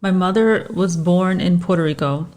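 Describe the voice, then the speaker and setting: A woman from New Jersey co-hosting a podcast, talking in relaxed, casual chat and chiming in with short agreements. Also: on the low side, moderate pace. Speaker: podcast co-host.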